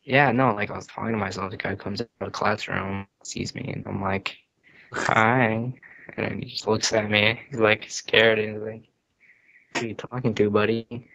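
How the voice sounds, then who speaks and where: Lower-voiced young man, bright and rambling. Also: fairly even intonation, moderate pace, gravelly, no room sound, lo-fi sound. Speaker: commentary co-host. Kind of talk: casual group chat over voice call.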